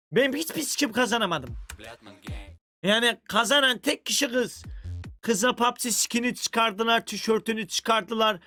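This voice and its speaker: On a game livestream, a male streamer banters casually, joking around and swearing constantly in a crude, profane way. His voice is very high-pitched with a sharp tone.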